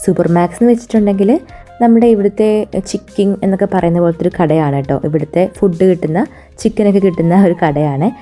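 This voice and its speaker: A woman's voice: fairly low pitch, fast, mellow. A woman with a Malayali accent narrating a casual travel vlog, dropping English words into her Malayalam. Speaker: travel vlogger. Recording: music under the voice. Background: music.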